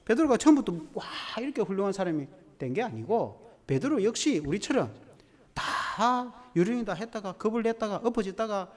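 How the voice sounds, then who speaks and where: A male pastor, preaching a sermon in an animated, storytelling way. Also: high-pitched, fairly quick, big-room sound. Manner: animated storytelling with acted-out quotes.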